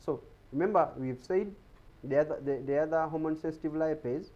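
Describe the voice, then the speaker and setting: A man's voice: a little high, a little fast, highs cut off. A man giving an explanatory talk on health in a TV studio, often repeating words as he searches for them. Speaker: guest speaker on health.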